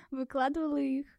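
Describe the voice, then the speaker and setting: A woman of twenty-two co-hosting a podcast, talking calmly in casual chat. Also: high voice, creaky, dry recording. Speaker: podcast co-host.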